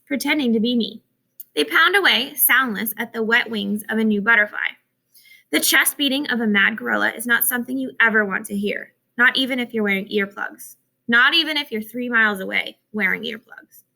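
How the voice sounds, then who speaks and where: A woman reading a children's novel aloud as an audiobook, with steady, expressive storytelling. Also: on the high side, vocal fry. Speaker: audiobook narrator. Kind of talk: scripted narration of a children's novel.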